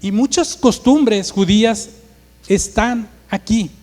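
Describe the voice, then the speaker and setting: A man's voice: high voice, slow, a little mellow. A male pastor with a northern Mexican Monterrey accent, preaching emphatically and acting out dialogue with force. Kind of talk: sermon. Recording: long hall reverb.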